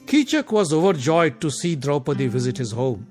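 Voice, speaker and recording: A man narrating a scripted storybook tale, swelling dramatically on action and going hushed on quiet moments. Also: fairly high pitch, sing-song, moderate pace, over music.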